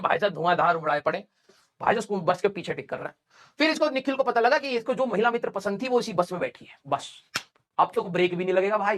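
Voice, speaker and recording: A young man, a teacher, casually telling his students a funny story from his school days, animated and joking. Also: sits high. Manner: animated, joking, switches between Hindi and English.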